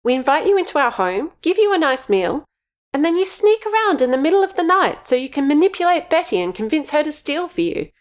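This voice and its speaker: A woman's voice: animated, fairly quick, few pauses, clean tone. A woman reading an audiobook, voicing a stern, suspicious middle-aged mother who speaks in an accusing tone. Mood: indignant. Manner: accusing, high-pitched and loud.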